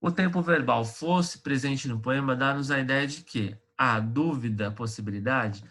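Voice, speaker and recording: Chatty teacher checking in with students. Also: male voice, medium pitch, normal speed, a bit bright. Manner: conversational, checks in with students often; hesitant, with frequent fillers and restarts. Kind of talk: online lesson going over exercises.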